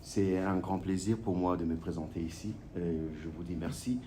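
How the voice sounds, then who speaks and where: In a low-pitched voice at ordinary speed, the Congolese guest author and police officer, a native French speaker, works through interview questions with many fillers and restarts, his hesitancy giving way to animation. Slight hiss or hum is audible.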